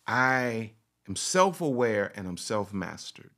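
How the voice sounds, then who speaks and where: Very animated yet slow, this pastor's fairly low, slightly bright voice carries his sermon. Phrases come back again and again for emphasis, rhetorical questions pile up, and sometimes he speaks as though he were a confident woman, in her first person, to drive his point home.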